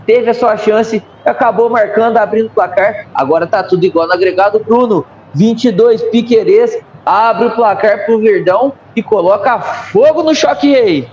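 A Brazilian man comments on a live football match in a conversational way. His voice is high-pitched and comes through dull and echoey, with a little noise around it. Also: normal speed, a little mellow. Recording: dull, roomy sound with faint noise.

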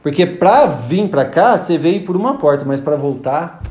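A man quoting a secretive figure who speaks in a hushed, matter-of-fact way, as part of a told dream. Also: a little high, lively intonation, normal speed, roomy sound, close to an everyday voice. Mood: firm. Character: secretive man watching with arms crossed.

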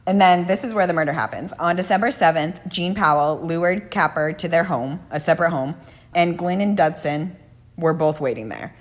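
A woman's voice: lowish voice, normal speed. A woman hosting a true crime podcast, telling the case in a casual, blunt way with frequent swearing. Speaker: podcast host.

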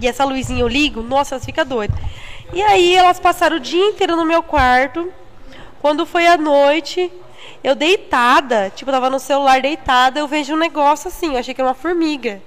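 A young woman telling funny stories in a casual chat with friends, talking loud and animated, laughing as she goes. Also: sits high, a little fast. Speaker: storyteller in a group chat.

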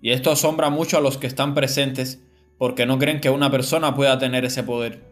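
A man reading a scripted Gospel reflection in an earnest, measured way. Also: mid-range voice, steady tone, faint music behind. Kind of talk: scripted devotional narration.

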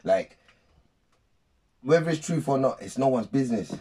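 A man's voice: medium pitch, lively intonation, moderate pace, a crowd in the background. A young man, co-hosting a casual chat in a slangy, teasing way. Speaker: show co-host.

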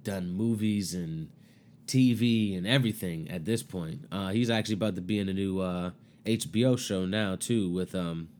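A man's voice: low-pitched, normal speed, darkish tone. A young man co-hosting a casual podcast chat, loose and profane, often breaking into laughter between phrases. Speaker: podcast co-host.

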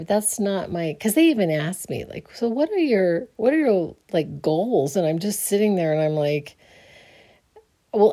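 A woman's voice: on the low side, warm tone. A young adult woman, a counselor, chatting casually late at night, sleepy and rambling with lots of fillers and restarts. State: sleepy, yawning. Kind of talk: casual personal vlog.

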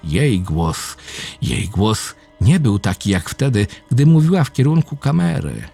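A husky, low-voiced man reads a first-person horror story, his pitch rising and falling sharply as the tension builds. Faint music plays behind him. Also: very animated, measured pace, dark tone. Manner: low, intense storytelling with dramatic swings. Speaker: narrator.

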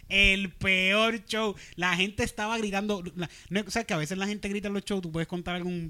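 A Puerto Rican man tells a comic story in a casual chat. His voice is very bright and a little high, and he laughs often as he talks. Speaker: comedian.

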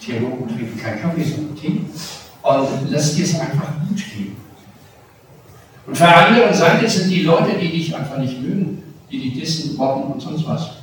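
German pastor preaching in an echoey church. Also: male voice, a little high, distant mic, slight background noise. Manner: lively preaching with slow, stressed phrases and sudden swells in volume. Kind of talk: sermon. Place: large church hall.

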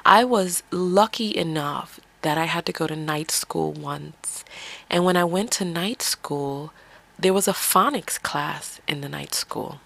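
Earnest Bronx-born woman, low voice. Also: unhurried, gravelly, fairly bright tone. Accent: slight New York. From the Bronx, New York. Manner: earnest, coaching, asks many rhetorical questions. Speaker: podcast host. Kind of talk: reflective solo monologue.

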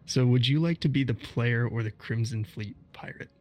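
A man's voice: mid-range voice, normal speed, no echo. A man hosting a casual gaming podcast, explaining game mechanics methodically. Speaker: podcast host.

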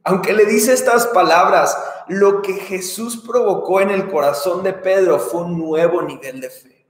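A man's voice: high voice, unhurried. A man preaching a sermon in an earnest way, repeating key phrases for emphasis. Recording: echoey hall with long reverb.

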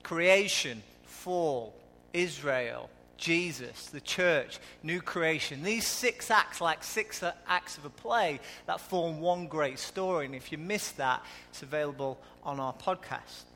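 High, bright-voiced Lancashire preacher. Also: male voice, slow pace. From Lancashire, England. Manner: conversational, asks the audience questions. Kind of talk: live sermon. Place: church hall. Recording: live church recording with hall reverb.

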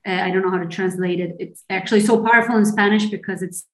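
A woman's voice: mid-range voice, steady tone, fast, roomy sound, rough recording. A young adult woman from Argentina, a filmmaker being interviewed, speaking earnestly in conversational English with frequent restarts.

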